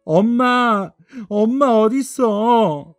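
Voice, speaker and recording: A man's voice: high-pitched, lively intonation, dry recording, clean studio sound, faint music behind, voice pushed up. A man doing a sobbing ten-year-old boy. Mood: panicked. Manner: tearful, pleading, drawn-out cries. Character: upset ten-year-old boy, sulky then desperate. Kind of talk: radio drama acting.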